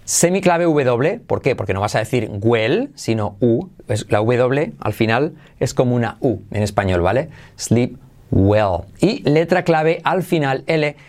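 A man teaching English pronunciation in a podcast lesson, drilling each phrase slowly and repeating it. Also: medium pitch, animated, darkish tone.

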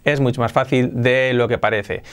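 A young man from Spain with a Spanish accent, hosting an energetic online English pronunciation lesson and repeating words to model them. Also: medium pitch, normal speed, clean tone. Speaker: English pronunciation teacher, channel host.

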